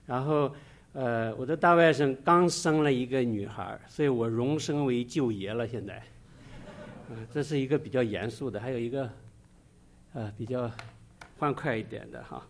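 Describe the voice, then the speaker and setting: A middle-aged man delivers a church sermon woven with personal testimony. His pitch sits in the ordinary middle range for a man, and he speaks earnestly, pausing and restarting often mid-sentence. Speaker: church preacher.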